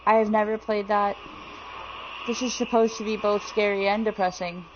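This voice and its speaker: A woman talks her way through a horror game in loose, casual commentary, jittery and quick to swear. Her voice sits at an ordinary middle pitch. The recording is a little dull and lo-fi, with a faint hiss underneath. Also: little pitch movement. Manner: jittery, swears freely, reads aloud. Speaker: let's play gamer.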